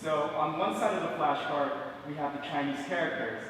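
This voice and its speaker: A man's voice: fairly high pitch, normal speed, fairly bright tone, slight background noise. A young man in his twenties performing stage magic patter, joking playfully with an audience volunteer in a large theater. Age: 20s. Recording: echoey theater hall, distant mic.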